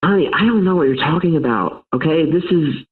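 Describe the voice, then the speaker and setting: A man's voice: on the high side, fairly quick. A man on a phone line, hesitant and stammering, making excuses to his wife. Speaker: prank call target. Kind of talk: phone conversation.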